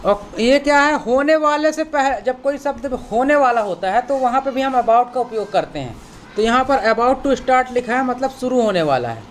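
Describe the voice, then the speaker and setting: Expressive and extremely high in pitch, a man moves at a moderate pace through a vocabulary lesson for kids. He shows patience by repeating terms, spelling each out letter by letter, and checking comprehension, with a little hiss or hum audible.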